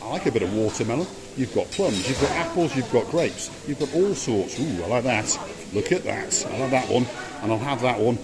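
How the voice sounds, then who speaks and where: With a mid-range, expressive voice and a brisk delivery, an older vlogger tours a hotel on foot, both outside and inside. He's enthusiastic throughout, circling back to the same praise as he goes.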